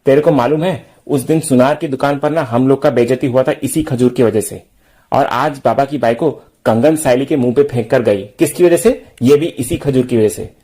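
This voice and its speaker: Man reading as a tough young guy, slangy and blunt, mellow voice, mid pitch. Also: moderate pace, lightly acted.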